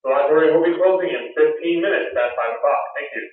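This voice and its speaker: A man's voice booms through the library's public address loudspeakers in a formal, loud announcement. It arrives from far off, heavily echoing and thin like a phone line, with faint music behind. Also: fast talker. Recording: distant echoey tinny PA from far off.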